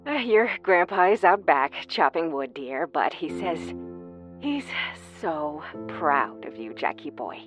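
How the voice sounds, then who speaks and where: A man voicing a gentle, doting elderly grandmother who fusses affectionately over her grandson, over music. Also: on the high side, very animated, slow pace, voice pushed up. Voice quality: soft, gentle. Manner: affectionate, fussing. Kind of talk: storytelling voice acting.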